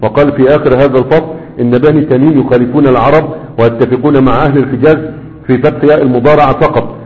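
A male teacher with an Egyptian accent reads from a text and stops often to quiz his class and repeat key words. His voice sits at an ordinary middle pitch. The sound is thin and phone-like, with a long echo trailing behind it. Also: steady tone, racing. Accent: Egyptian Arabic. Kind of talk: classroom lecture, reading a text aloud and explaining it. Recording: tinny phone-like audio in a long-reverb hall.

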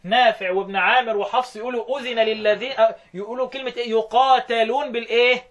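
A man's voice: very high voice, fairly even intonation, fairly bright tone, muffled recording. A man with an Egyptian Arabic accent teaching Quran readings, quizzing his student and repeating each answer. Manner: quizzing, repeats answers, drills phrases slowly. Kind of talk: teaching the variant readings with call and response.

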